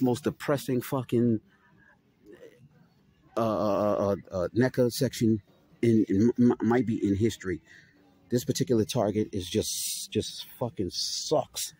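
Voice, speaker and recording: A man's voice: fairly low pitch, dark tone, husky. A man, ranting as he films a casual walk-through vlog inside a retail store, swearing and stammering over repeated words. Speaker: toy collector vlogger.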